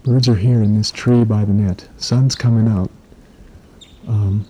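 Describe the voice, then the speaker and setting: A man quietly dictating clipped field observations into a recorder outdoors at a forest clearing at dawn, ending each entry with "stop". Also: lowish voice, steady tone, a little slow. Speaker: field researcher logging bird activity.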